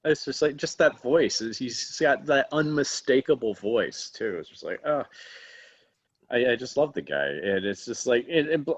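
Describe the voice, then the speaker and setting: A man appearing as a guest actor, telling stories in a casual, animated chat and laughing often. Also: medium pitch, normal speed, husky, highs cut off.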